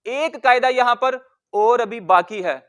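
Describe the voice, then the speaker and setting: A man with a very high, crisp and ringing voice leads a word-by-word tajweed lesson. He patiently explains each rule, then sounds out the letters and words slowly, repeating them for the learner. The tone stays bright and sharp throughout. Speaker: Quran reading teacher.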